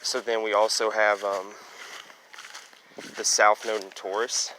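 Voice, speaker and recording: In a casual walking vlog monologue, a young astrology vlogger with a loud, booming voice rambles along outdoors near trees and traffic, leaning on "you know" and "basically". His delivery is flat and unhurried. The rough recording picks up street noise, wind and passing traffic.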